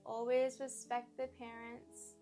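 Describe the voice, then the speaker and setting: A woman's voice: on the high side, level tone, takes it slowly, mellow, soft background music. A young female interviewee answering questions in a casual, chatty way.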